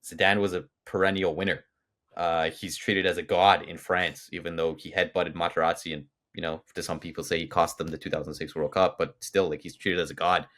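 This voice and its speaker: A young man co-hosting a football podcast speaks in a very low, deep voice that's a bit bright, level in tone, and a little fast. In casual sports chat he rambles emphatically, piling up fillers and restarts.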